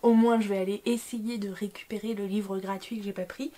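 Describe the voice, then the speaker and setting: A woman's voice: mid-range voice, steady tone, brisk, mellow. A young woman with a French accent chatting casually to camera about books she bought, full of fillers, restarts and self-mocking asides. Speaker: book vlogger.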